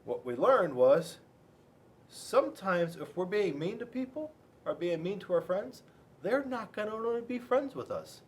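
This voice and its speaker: Reading to kids as a school resource officer, this man has a high voice that swings widely in pitch, and he goes a little slowly. He turns the picture book into playful chat, tossing out plenty of rhetorical questions.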